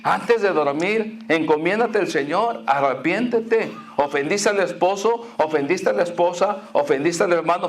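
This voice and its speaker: A pastor delivering an impassioned sermon, repeating his phrases, asking rhetorical questions, and swinging between raised exclamations and hushed low asides.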